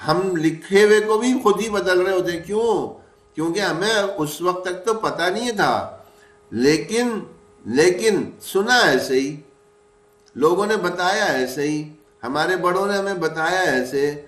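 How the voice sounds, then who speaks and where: A man's voice: sits high, expressive, a bit bright. Man teaching in an echoey room. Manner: patient, asks rhetorical questions and stretches out example words. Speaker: Quran recitation teacher. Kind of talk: recorded lesson. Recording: echoey room, mic at a distance.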